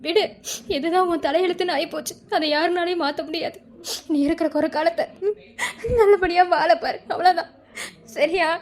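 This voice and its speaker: Cartoon drama: woman as anguished mother, high voice, weeping lament. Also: steady tone, normal speed, long pauses, darkish tone. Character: anguished middle-aged mother.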